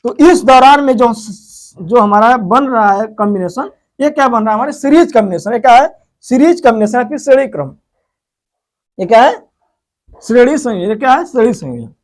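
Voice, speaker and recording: A man's voice: very high-pitched, lively intonation, a little fast. Man teaching physics, self-quizzing. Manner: repeats questions and answers them himself, explaining step by step. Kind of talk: whiteboard lesson.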